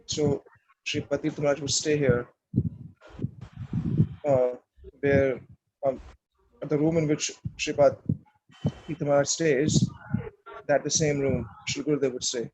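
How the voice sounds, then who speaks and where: A man giving a devotional talk and telling a story, speaking haltingly and often repeating words as he searches for his phrasing. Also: on the high side, fairly even intonation, darkish tone, husky, poor audio. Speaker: speaker at a temple class.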